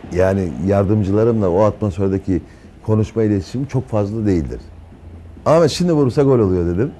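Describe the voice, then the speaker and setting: A man's voice: fairly low pitch, mellow, a little hiss or hum. A man, a former football coach, casually retelling a moment in an interview and acting out his own words. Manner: acts out his own quotes.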